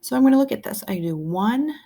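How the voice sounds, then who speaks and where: A woman's voice: fairly high pitch, expressive, fast, mellow. A woman teaching a recorded math lesson, thinking aloud step by step and checking in with viewers.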